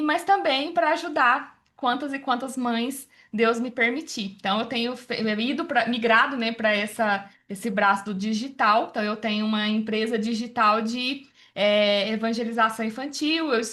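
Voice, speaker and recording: A woman's voice: a little high, moderate pace, few pauses. A woman in her forties from the interior of Goiás, chattily introducing herself on a video call and often adding "né". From interior of Goiás, Brazil. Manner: chatty, warm, religious, many fillers like "né". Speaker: workshop participant.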